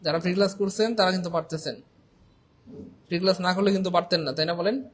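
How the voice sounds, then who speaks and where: A man teaches an online English class, playful and repetitive, and he acts out short scenes. His voice sits high. Faint background noise runs under the recording. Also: steady tone, quick pace.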